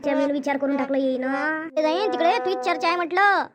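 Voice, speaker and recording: A woman's voice: high voice, fast talker. A woman tells a family story in a chatty way. She repeats herself often, reassures the others and gossips about the family. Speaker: storyteller voicing family members. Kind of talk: conversational family skit.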